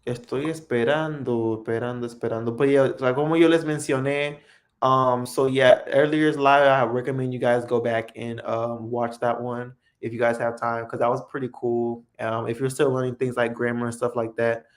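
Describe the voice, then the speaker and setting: Man, native English speaker, live-stream host, unhurried and friendly, mid-range voice, slow delivery. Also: medium pitch, level tone. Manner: unhurried, friendly, answers viewer comments. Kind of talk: casual live-stream chat, switching between English and Spanish.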